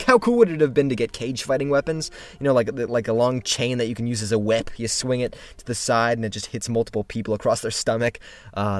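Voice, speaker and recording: Man joking through a game rundown. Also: medium pitch. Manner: playful, joking asides. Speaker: gaming video creator. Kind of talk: casual game commentary.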